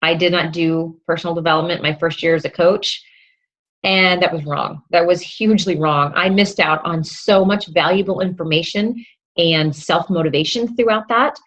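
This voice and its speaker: A woman's voice: fairly low pitch, moderate pace, fairly bright tone, poor audio. A woman fitness coach giving upbeat, encouraging advice to new coaches, often checking in with her listeners. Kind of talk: instructional talk to new coaches.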